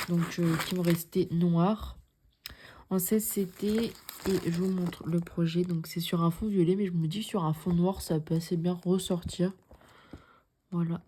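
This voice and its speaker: A young woman chats through her cross-stitch projects at home in a casual vlog. Her voice sits a little low and sounds mellow and warm, and she often trails into a soft near-whisper. A faint hiss of noise runs under the recording. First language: French. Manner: chatty, repeats herself, drops into soft near-whispers. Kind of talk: casual show-and-tell vlog.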